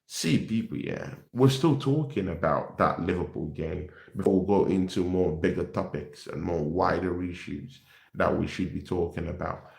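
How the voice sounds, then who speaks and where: A young man from Nigeria hosting a football channel in casual live-stream chat, animated and repetitive, calling his viewers "people". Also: low voice, normal speed, creaky, roomy sound.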